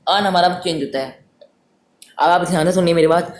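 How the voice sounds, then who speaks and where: A man's voice: high voice, steady tone, brisk. A man teaching a grammar lesson online, patient and repetitive, sounding words out again and again. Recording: echoey room with faint noise.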